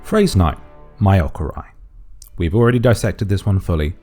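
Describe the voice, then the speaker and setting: A man's voice: low voice, lively intonation, normal speed, darkish tone, soft background music. A man narrating a methodical video essay, reasoning aloud and offering cautious guesses. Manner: methodical, speculative, thinking aloud. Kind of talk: analytical voice-over explainer.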